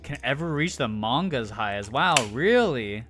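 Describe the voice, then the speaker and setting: A man's voice: medium pitch, big pitch swings, a little slow, over music. A man livestreaming, rambling in casual chat with viewers, his throat sore from talking. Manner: rambling, filler-heavy, frequent restarts.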